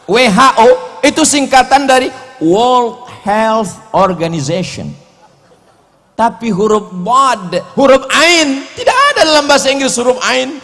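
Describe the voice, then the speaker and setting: A man with a high, lively voice delivers a humorous sermon, swinging from soft asides to sudden loud peaks. His words ring out with a long reverb, as if he were in a large hall. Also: measured pace, soft background music. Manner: animated, joking, sharp swings in pitch and loudness. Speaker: preacher.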